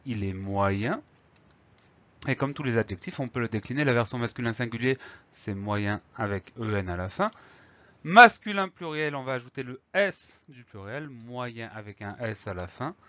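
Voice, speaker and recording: A man's voice: mid-range voice, lively intonation, bright, forceful tone, dry recording. Guy teaching spelling to kids, spells it all out letter by letter, dry kinda muffled recording. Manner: slow, clear, spells words letter by letter. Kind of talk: spelling lesson for children.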